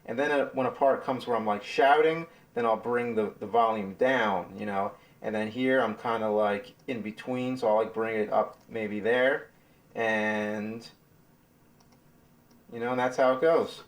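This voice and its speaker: A man's voice: fairly low pitch, measured pace. A rambling, laid-back man explaining his editing. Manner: loose and rambling, full of fillers. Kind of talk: casual behind-the-scenes explanation.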